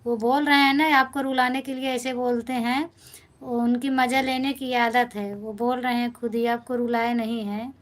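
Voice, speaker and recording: Woman host, live stream chat, higher voice, flat steady delivery, soothing and affectionate with viewers. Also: moderate pace. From India. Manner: affectionate, soothing, addresses viewers as brother and sister. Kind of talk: casual live chat reading comments.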